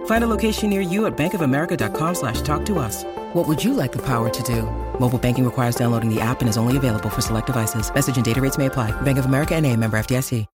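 A man reading a bank commercial with a rapid disclaimer. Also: medium pitch. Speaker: ad announcer. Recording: loud music bed.

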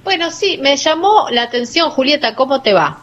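A woman's voice: high voice, animated, normal speed, fairly bright tone, highs cut off. A woman, a radio co-host asking a guest questions hesitantly. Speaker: co-host, singer-songwriter.

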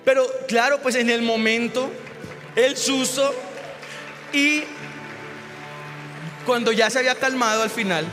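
Speaking at a measured pace with frequent pauses, a very high-pitched pastor recounts a personal story during his sermon, his animated delivery climbing into shouted exclamations. The sound is that of a big room, with music playing behind him.

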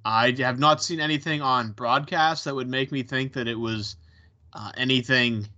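A man's voice: mid-range voice, fairly even intonation, moderate pace, pushed and bright. A man with a Pittsburgh accent co-hosting a podcast in casual chat, rambling with many ums and restarts. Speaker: podcast co-host. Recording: dull lo-fi sound.

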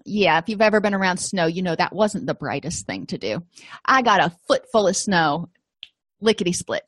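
A woman's voice: lowish voice, expressive, normal speed, fairly bright tone, no room sound. A middle-aged woman from Florida giving a casual course lecture, chatty and self-deprecating with frequent asides. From Florida, USA. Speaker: counseling course instructor. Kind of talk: informal lecture.

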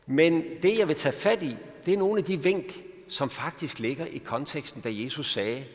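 Mand der prædiker i en kirke med rumklang. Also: male voice, fairly high pitch. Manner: earnest preaching, reads scripture slowly. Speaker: pastor. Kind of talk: sermon. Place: church. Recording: reverberant church hall.

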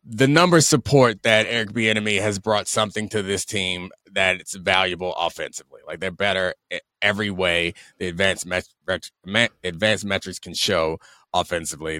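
Low-voiced man chatting about sports. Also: sharp tone, no echo, clean studio sound. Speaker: sports podcast co-host. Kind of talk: casual sports commentary.

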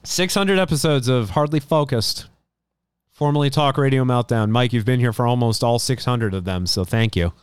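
Smooth-voiced man hosting a podcast chat. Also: mid-range voice, normal speed, dry recording, clean studio sound. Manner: rambling, chatty, restarts sentences. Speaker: podcast host. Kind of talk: casual chat.

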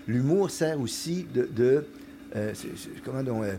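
A man's voice: mid-range voice, expressive, a little slow, dark tone, slight background noise. An older man, talking casually as a podcast guest, explaining ideas with frequent restarts and checks like "you understand?". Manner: explanatory, many restarts and "tu comprends". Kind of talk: casual conversation.

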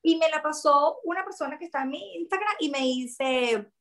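High-voiced Venezuelan woman chatting. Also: normal speed. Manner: lively, expressive, quotes others in dialogue. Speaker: guest, food content creator. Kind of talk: casual interview chat.

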